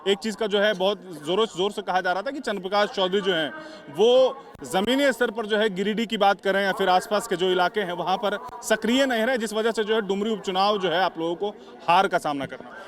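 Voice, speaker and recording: A man's voice: high-pitched, a little fast, a bit bright. A man reporting outdoors from a party convention venue, asking probing questions, with frequent fillers. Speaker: news reporter. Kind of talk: on-site news interview.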